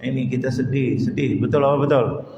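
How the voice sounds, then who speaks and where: A man with an Indonesian accent giving a religious study lecture in a mosque, animated, often throwing questions to the audience with wide swings in pitch. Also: fairly quick, a crowd in the background. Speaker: Islamic preacher. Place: mosque hall. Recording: dull, echoey hall recording.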